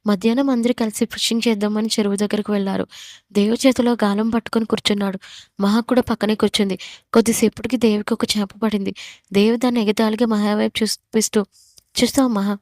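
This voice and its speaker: A woman's voice: medium pitch, little pitch movement, quick pace, no echo. A woman reading a romance story aloud, voicing the characters' quarrels in her own voice. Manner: reads every character's lines in her own voice, louder for the quarrels. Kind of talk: scripted story narration.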